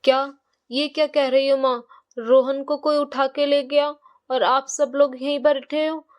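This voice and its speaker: Woman doing an angry dad, bossy and urgent, high voice. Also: level tone, measured pace. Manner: urgent, commanding. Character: angry father, commanding.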